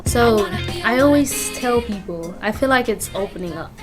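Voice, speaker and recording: In a mid-range, animated voice at normal speed, a Kenyan woman shares a personal narrative during an interview, speaking openly and often using fillers like "like" and "you know." It's recorded at a community youth center with background music under her voice.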